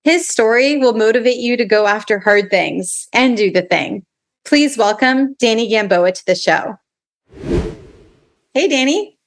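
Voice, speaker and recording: A woman hosting a podcast, reading a prepared introduction and then chatting in a bright, upbeat way. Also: a little high, animated, a little slow. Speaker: podcast host. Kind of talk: scripted intro, then casual interview.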